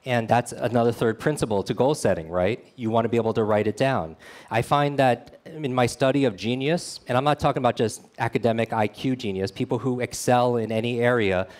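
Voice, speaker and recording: A man giving a motivational storytelling talk at a meetup, earnest and speaking straight to the audience. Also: medium pitch.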